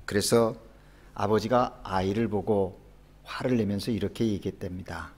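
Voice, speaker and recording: A male pastor giving a Sunday sermon, telling anecdotes with quoted dialogue, rising for emphasis and then dropping soft. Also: on the low side, normal speed. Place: church sanctuary.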